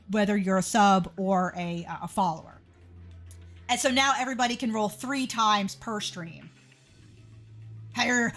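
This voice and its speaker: Chatty woman streamer, slow-paced. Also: a little high, fairly bright tone. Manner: chatty, laughs easily, talks to chat. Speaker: game streamer. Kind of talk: casual livestream chat.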